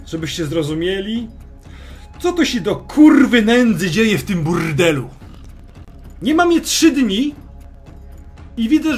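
A man voicing a foul-mouthed army general who shouts sarcastic, swearing rebukes at his troops. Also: a little high. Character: foul-mouthed middle-aged human army general, gruff drill commander. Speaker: fantasy general addressing troops.

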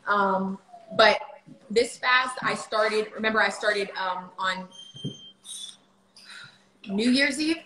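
A woman in her thirties vlogs live from her kitchen, answering viewers casually with many fillers. She takes it slowly and pauses often, her medium-pitched voice pushed and bright. Her phone camera at the table gives a rough recording with roomy sound and a little hiss or hum.

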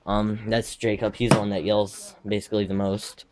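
A man's voice: fairly low pitch, little pitch movement, moderate pace, background noise. Lispy teenage boy rambling casually. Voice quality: slightly lispy from a retainer. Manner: offhand, wandering, self-correcting asides. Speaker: YouTuber showing his gaming setup. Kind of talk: casual rambling room tour. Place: his bedroom, indoors.

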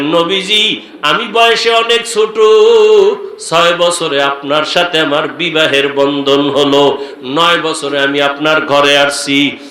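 A man with a fairly high, bright, forceful voice delivers a fervent Islamic sermon, making emotional, direct appeals to his listeners and drawing his calls out into melodic chant. The amplified sound echoes.

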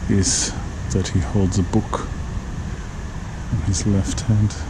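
A man guiding a walking tour, pointing out sights at a leisurely pace with frequent pauses. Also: lowish voice, little pitch movement. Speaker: city tour guide. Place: outdoors on city streets and squares. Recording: outdoor recording with traffic noise. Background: street ambience and passing traffic.

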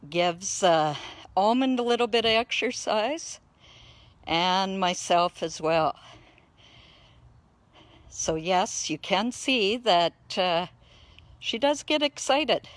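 Woman, therapy dog handler, casual live-stream chat from a backyard, slow delivery. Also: medium pitch, lively intonation, dry recording. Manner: chats to viewers while playing with a dog. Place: outdoors in a backyard.

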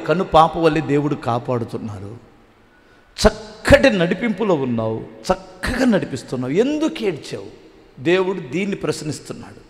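A man preaching a sermon as pastor, with a Telugu accent from Andhra Pradesh, swinging between loud exhortation and quiet asides. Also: high voice. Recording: long hall reverb.

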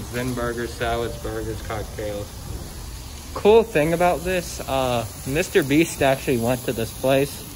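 A man's voice: medium pitch, fairly bright tone, slight background noise, low-quality recording. A teenage boy vlogging casually on a phone he holds at arm's length, rambling with lots of fillers, walking outdoors at a mall at night. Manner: rambling, filler-heavy, upbeat sign-offs. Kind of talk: casual vlog narration. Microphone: phone held at arm's length.

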